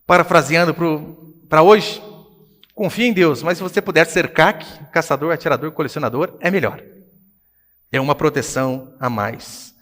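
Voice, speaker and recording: A Brazilian pastor, a man, delivers a sermon with a Brazilian Portuguese accent. His voice sits slightly high for a man and moves between hushed remarks and loud, emphatic lines. A long hall reverb trails each phrase. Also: moderate pace. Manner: animated preaching, swinging between hushed and loud. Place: church hall.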